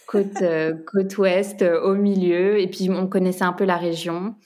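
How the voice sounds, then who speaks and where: A woman from France, a podcast guest and entrepreneur, chatting casually with many pauses and fillers, laughing now and then. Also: fairly low pitch, flat delivery, dark tone. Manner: hesitant, many fillers and restarts, laughs often. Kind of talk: casual chat.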